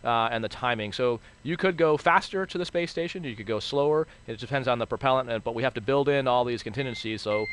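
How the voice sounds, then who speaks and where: Fast-talking man explaining live. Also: mid-range voice, fairly bright tone, a little hiss or hum. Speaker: expert guest commentator on launch broadcast. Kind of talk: informal explanatory live commentary.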